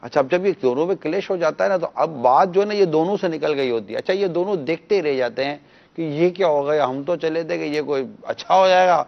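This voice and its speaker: A man's voice: a little high, creaky, highs cut off. A man speaking as a religious scholar on a TV panel, earnestly pleading with viewers and teaching through parables.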